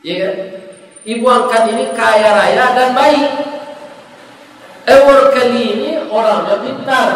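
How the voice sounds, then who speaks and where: Male preacher, Minangkabau-tinged Indonesian accent, slow unhurried delivery, heard from a distance, long hall reverb. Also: on the high side. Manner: humorous, drops softly into quoted prayers. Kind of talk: sermon storytelling. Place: mosque gathering. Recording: echoey hall, distant mic, faint noise.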